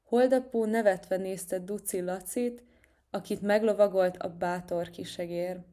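A woman narrating a children's storybook in a gentle, expressive way. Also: mid-range voice.

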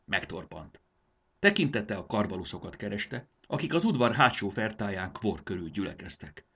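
Male storybook narrator, low and lively, bright tone. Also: husky. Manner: expressive reading, does character voices.

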